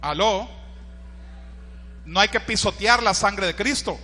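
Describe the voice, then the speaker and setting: A Honduran-accented male pastor preaches with a very high, ringing voice. His delivery is animated, rising to shouts when he quotes a cry and dropping into asides to the congregation. A long hall reverb trails every phrase. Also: slow. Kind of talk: sermon.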